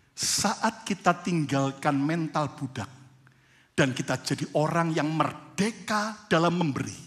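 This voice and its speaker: A male pastor preaching a sermon, switching from quiet explanation to loud, high exhortation and leading the congregation in call-and-response. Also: long reverb tail. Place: church.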